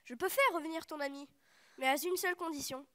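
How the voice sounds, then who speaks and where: A theatrical genie of the lamp, played by a woman from an amateur fairy-tale stage show. The voice is extremely high and bright as it declaims its bargains. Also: fast talker. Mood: dramatic bargaining. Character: genie of the lamp bargaining over eternal captivity.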